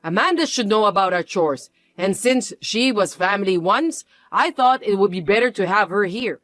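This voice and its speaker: A reader voicing an older, entitled mother-in-law who is shrill, pushy and indignant in a scripted audio story. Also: lively intonation, normal speed, a bit bright, no room sound, natural voice. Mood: indignant, demanding.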